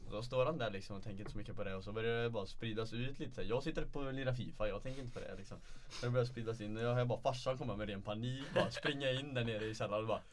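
A young man co-hosting a podcast, telling relaxed, rambling anecdotes in a casual chat. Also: mid-range voice, slight background noise. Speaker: podcast co-host.

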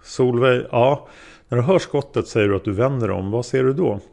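A man reading the questions of a patient female interrogator, gently probing a witness. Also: mid-range voice, creaky, natural voice. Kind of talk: read-aloud interrogation transcript.

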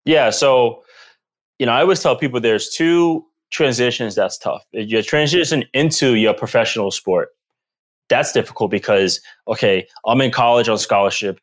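A man's voice: medium pitch, normal speed. A man in his thirties from the East Coast of the US, a guest telling stories in a casual chat and laughing often. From Rhode Island, US East Coast. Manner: animated storyteller who laughs often. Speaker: guest, former pro football player.

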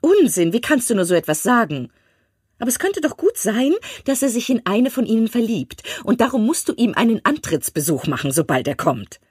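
A fussy, excitable mother pushes her husband in shrill, breathless bursts, as a woman reads her in an audiobook. Her voice leaps high and swoops widely, with a husky grain. The recording is dry and close. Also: fairly quick, no room sound. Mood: excited, insistent. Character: fussy excitable middle-aged mother, matchmaking. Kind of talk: audiobook reading.

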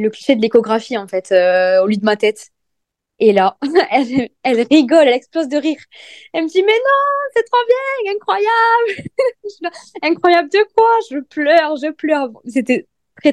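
In a casual podcast chat, a woman in her thirties tells her own pregnancy story, retelling it lively and with many fillers. Her voice is on the high side, with no room sound.

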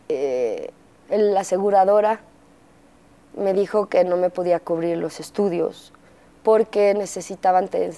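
A woman's voice: medium pitch, dark tone. A woman with a Mexican accent, an interview guest candidly recounting her personal story and acting out the dialogue, with frequent fillers. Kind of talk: personal testimony in conversation.

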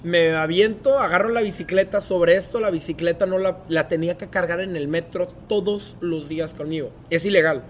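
Young Mexican man, slightly high voice, animated storyteller; faint rumble behind. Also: a little fast, hardly any pauses. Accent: Mexican Spanish. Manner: lively storyteller who acts out other people's lines. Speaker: guest. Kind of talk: casual storytelling interview.

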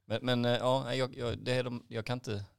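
A man's voice: mid-range voice, fairly even intonation, gravelly, smooth, dry recording, studio quality. A man in his forties, a podcast co-host, telling rambling IT work anecdotes with lots of fillers and swearing.

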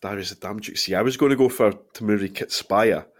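Scottish male podcast host in his thirties, lowish, jokey banter. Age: 30s. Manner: bantering, quick laugh, reads listener questions. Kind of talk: casual podcast chat.

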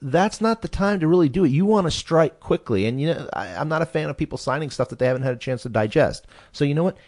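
A man's voice: fairly high pitch, expressive, quick pace, a little mellow. A man co-hosting a radio show, giving casual, emphatic real estate advice in a conversational way.

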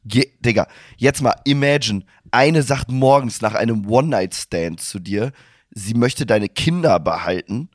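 A young man co-hosting a podcast, telling a story in casual slangy chat and acting out the quotes with big jumps in pitch. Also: expressive, measured pace, no echo, studio quality. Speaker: podcast co-host.

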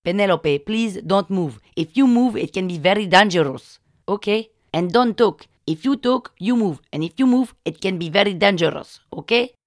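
Une femme imitant un guérisseur calme et insistant. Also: female voice, mid-range voice, no echo, clean studio sound, lightly acted. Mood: solemn. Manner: slow, solemn, repeating warnings. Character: calm, insistent male acupuncture healer.

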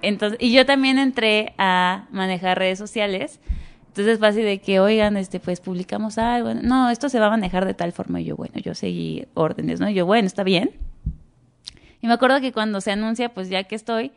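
A young Mexican woman tells stories from her acting career. She speaks in a Mexican Spanish accent with lively energy and acts out the people she quotes in full dialogue. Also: medium pitch, normal speed, vocal fry, clear, resonant tone. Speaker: guest actress. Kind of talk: casual interview storytelling.

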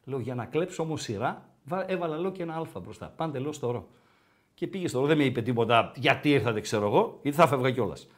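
A man's voice: medium pitch, expressive. A man hosting a casual sports talk show, telling stories and teasing his co-host. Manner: storytelling, mimics dialogue in quotes; bantering, teasing.

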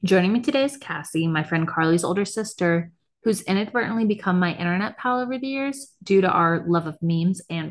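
A woman in her thirties hosting a casual pop culture podcast, chatting in a conversational way. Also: fairly low pitch. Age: 30s. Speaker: podcast host.

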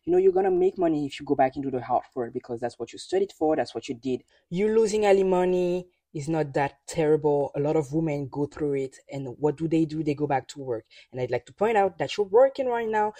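A woman with a low, mellow voice hosts a casual commentary podcast. She talks bluntly and opinionatedly. The sound is dry and the mic sits a little away from her. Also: lively intonation, brisk, hardly any pauses, no room sound, recorded from a distance. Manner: opinionated, blunt, rising to exasperated outbursts. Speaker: podcast host.

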